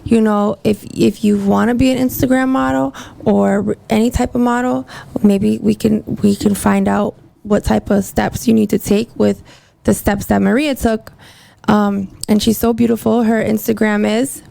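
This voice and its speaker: A woman's voice: mid-range voice, steady tone, normal speed, gravelly, dark tone, no room sound. A woman hosting a casual podcast from her mobile salon, chatting in a rambling, upbeat, self-hyping way, recorded on a phone. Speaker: podcast host, hairdresser. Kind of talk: casual interview chat.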